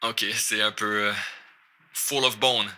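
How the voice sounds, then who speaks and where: A man's voice: fairly low pitch, fairly even intonation, pushed and bright. A man with a Québécois accent teaching French, explaining lyrics line by line and switching between French and English. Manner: mixes French and English, repeats words slowly.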